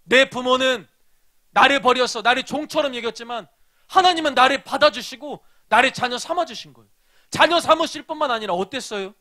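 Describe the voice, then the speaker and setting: A man preaching a children's sermon as a pastor, telling a story and asking the children questions, moving between loud emphasis and hushed asides. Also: extremely high pitch, a little fast.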